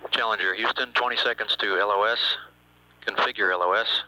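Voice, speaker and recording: A man's voice: on the low side, steady tone, a little fast, pushed and bright, dry recording, low-quality recording. A man making businesslike, clipped procedural calls over radio as a mission controller. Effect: radio transmission. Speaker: capsule communicator at mission control. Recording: faint radio hum and hiss.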